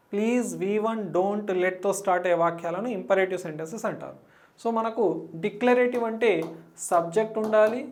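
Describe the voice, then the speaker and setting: A woman with a Telugu accent teaching an exam-prep English lesson, explaining in Telugu mixed with English and reading the questions out slowly. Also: mid-range voice, darkish tone.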